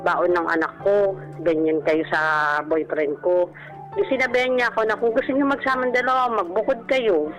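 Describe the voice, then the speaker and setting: A Filipino woman in her thirties calls in to a radio show and tells a personal story in a conversational, respectful way, using polite particles often. Her voice is medium-pitched at a normal speed, heard over the broadcast's music bed.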